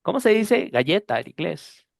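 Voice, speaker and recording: Costa Rican male teacher, patient explainer, fairly high voice, dry close sound, online class. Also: big pitch swings, normal speed, creaky, dry recording. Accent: Costa Rican Spanish. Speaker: English pronunciation teacher.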